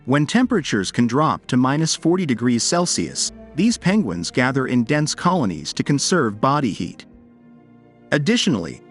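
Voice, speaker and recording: A man reads scripted nature documentary narration in a measured, formal explanatory way. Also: medium pitch. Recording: background music under voice. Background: music.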